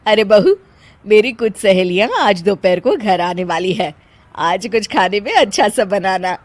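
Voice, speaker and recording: A woman's voice: mid-range voice, animated, measured pace, no room sound, pitched below the performer's own voice. A woman voicing a fussy middle-aged mother-in-law in a cartoon, scolding and easily offended. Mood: bossy. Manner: scolding, exasperated.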